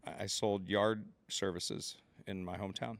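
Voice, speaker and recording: A man's voice: lowish voice, little pitch movement, normal speed, no room sound. An American man in his late thirties, a podcast guest, trading playful jokes in casual chat. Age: 30s. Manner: joking, playful banter.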